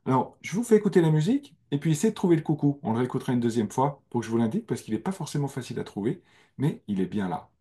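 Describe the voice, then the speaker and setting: A man giving a music lesson, explaining slowly and carefully over recorded music. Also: mid-range voice, sing-song, dark tone, slightly rough. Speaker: music teacher.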